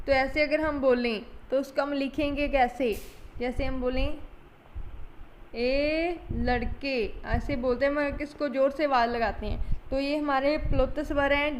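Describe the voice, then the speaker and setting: A woman teacher gives an online exam-prep lecture, repeating points and calling her students children. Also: high voice. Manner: repetitive, coaxing, addresses students as children. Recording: dull lo-fi audio with faint hiss.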